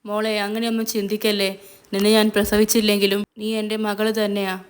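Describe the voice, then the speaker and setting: A woman's voice: mid-range voice, monotone, fairly quick, clean tone, natural voice. A woman voicing a tearful middle-aged mother who earnestly comforts her daughter, in a read-aloud story.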